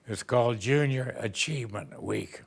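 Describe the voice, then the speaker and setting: In an interview, a retired Texas band director of advanced years rambles through folksy memories, chuckling along the way. His mid-range voice is creaky with a breathy edge, and he talks at normal speed.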